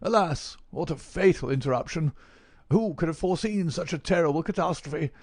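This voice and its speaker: An elderly, bookish professor, played by a male narrator, lifts his voice into a higher, mincing register. He is effusive and plaintive, picking ornate words with fussy precision, like a frail invalid scholar in a classic storybook. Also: moderate pace, a little mellow, dry recording, clean studio sound, lightly acted. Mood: lamenting, effusive. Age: older. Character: gaunt old male professor, bedridden, effusive bookworm.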